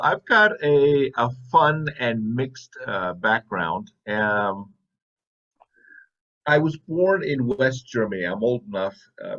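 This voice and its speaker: A man in his fifties, raised in Saudi Arabia, telling his life story as an interview guest in a relaxed, chatty way. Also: on the low side, dull audio. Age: 50s. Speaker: podcast guest. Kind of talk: casual interview chat.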